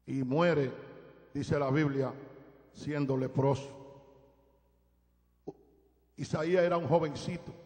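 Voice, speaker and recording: A man, an evangelist, preaching a live sermon, moving between shouted emphasis and quiet storytelling, in a large church. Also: high voice. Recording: live church hall reverb.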